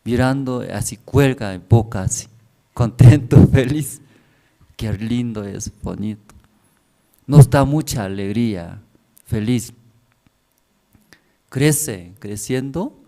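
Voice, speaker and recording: A middle-aged Korean man preaching a sermon as pastor in broken Spanish with a Korean accent, telling family stories, checking in with listeners and swinging between soft and loud. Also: medium pitch, slow, pauses often.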